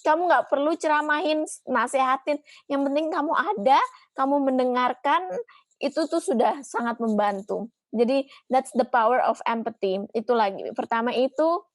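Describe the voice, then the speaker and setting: A woman psychologist answering audience questions in a patient, explanatory way, pausing on soft fillers. Her voice sits a little high, and the recording is dry and close, with no room echo. She slips English phrases in among her Indonesian sentences. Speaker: psychologist guest. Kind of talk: Q&A answers on mental health.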